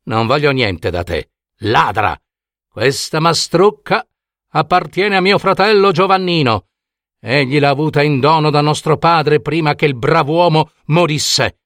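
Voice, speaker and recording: A man's voice: a little high, expressive, unhurried, a bit bright, no room sound, clean studio sound, voice pushed up. A man voicing a kind-hearted young peasant boy in a storybook reading, earnest and upset. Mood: indignant.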